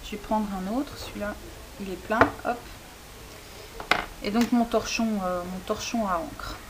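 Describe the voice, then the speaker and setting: A woman's voice: medium pitch, fairly even intonation, measured pace. A woman hosting a crafting tutorial, explaining each step in a chatty way with frequent hesitations. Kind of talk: casual demonstration tutorial. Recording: faint hiss.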